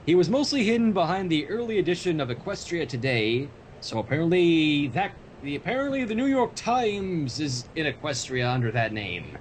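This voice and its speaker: This livestream host is very animated and speaks at a moderate pace as he reads a fan fiction story to his audience, pausing to crack jokes along the way. His audio carries noise and a low rumble.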